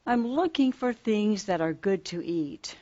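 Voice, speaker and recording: A woman's voice: mid-range voice, lively intonation, a little slow, warm tone, highs cut off. A woman teaching a simple children's lesson as if reading to a toddler, asking sing-song questions and repeating simple phrases.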